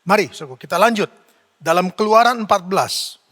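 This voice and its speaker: A male pastor delivers a fervent church sermon, driving on at a rapid clip. His voice sits high and carries a gravelly rasp. Every phrase rings out into a long hall reverb. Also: animated, fairly bright tone. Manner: fervent preaching, repeating the address to the listeners.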